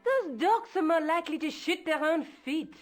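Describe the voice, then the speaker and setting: A woman's voice: very high-pitched, animated, moderate pace, faint music behind. An actress playing a clever, teasing young woman adventurer in a video game. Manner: playful, teasing.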